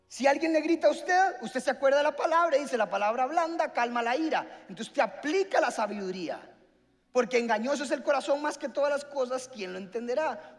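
A man preaching a sermon and asking the congregation questions. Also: very high-pitched. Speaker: pastor. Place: church hall. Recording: long hall reverb with faint music.

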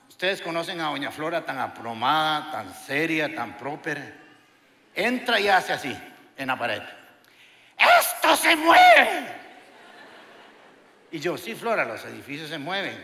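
High, bright-voiced preacher. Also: male voice. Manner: animated storytelling with humorous anecdotes. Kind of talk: sermon. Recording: echoey hall with long reverb.

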